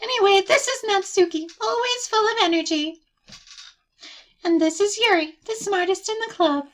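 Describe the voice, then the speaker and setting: Una donna che fa una studentessa allegra dalla voce altissima. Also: female voice, very high-pitched, moderate pace, fairly bright tone, pitched above the performer's own voice. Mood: cheery. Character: cheerful, energetic airhead schoolgirl.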